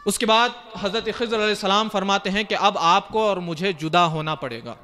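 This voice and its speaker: A male preacher from India with a high voice narrates a religious story as a sermon. His tone is sharp and ringing. He tells it vividly and voices the characters' lines himself. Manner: vivid retelling, acts out quoted dialogue. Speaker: Islamic preacher.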